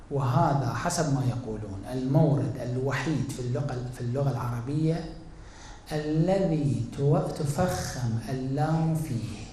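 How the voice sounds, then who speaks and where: A man, a cleric, giving a deliberate religious lecture, asking and answering his own questions, his voice rising to emphatic peaks and dropping to hushed asides. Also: mid-range voice, a little hiss or hum. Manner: swings between raised emphatic and hushed tones. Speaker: cleric teaching Quran exegesis. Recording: very echoey hall.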